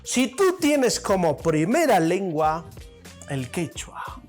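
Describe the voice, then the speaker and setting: A man teaching a classroom lesson, his pitch rising and falling in a lively way. He asks questions and answers them himself. Faint music plays underneath. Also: slow pace. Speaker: language teacher.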